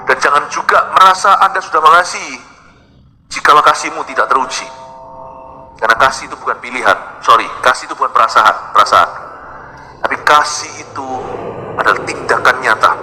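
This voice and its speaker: A man preaching a sermon, mixing English phrases into his talk and swinging between emphatic bursts and quiet drops. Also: medium pitch, a little fast, long pauses, a little hiss or hum. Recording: long hall reverb with soft music behind.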